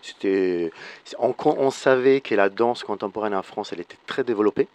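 A guest choreographer and dancer from Florence, Italy, a man in his forties and a native Italian speaker with an Italian accent, talks in a radio interview. His somewhat low, darkish voice moves at a moderate pace. He is thoughtful and often restarts while searching for the right French word.

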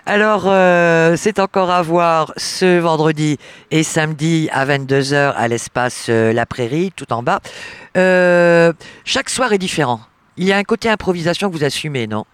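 A male radio interviewer with a fairly high voice puts courteous questions to his guest. He adds the odd hesitation as he introduces each topic. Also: smooth, no echo. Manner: polite, brisk questioning with fillers.

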